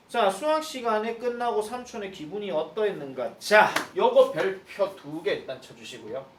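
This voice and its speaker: A man's voice: a little high, far from the mic, a little hiss or hum. Korean-speaking male teacher in an echoey room. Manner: explains slowly, mixes Korean with read-out English phrases. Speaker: high school English teacher. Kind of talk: textbook lesson explanation.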